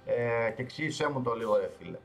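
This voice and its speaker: A man streaming a game live, commenting casually as he plays and swinging from loud outbursts to low mutters. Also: expressive, vocal fry, faint music behind.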